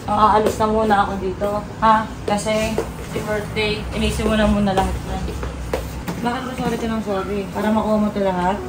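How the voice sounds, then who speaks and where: A woman's voice: mid-range voice, flat delivery, fairly quick, roomy sound, distant mic, background noise. A mother scolding her daughter sternly in a vlog, repeating pointed questions. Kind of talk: vlog confrontation.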